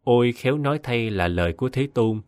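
A man's voice: medium pitch, animated, fast talker, darkish tone, dry recording, studio quality, natural voice. A man voicing a devout male lay disciple who speaks respectfully and earnestly.

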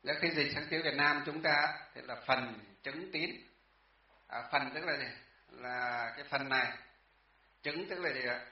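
A man's voice: medium pitch, a little slow. Guy teaching a class, repeats stuff and quizzes them, kinda dull muffled sound. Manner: patient, repeats words, asks the class questions. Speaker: Buddhist teacher. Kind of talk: classroom lecture on Chinese characters. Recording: echoey, distant, dull room sound.

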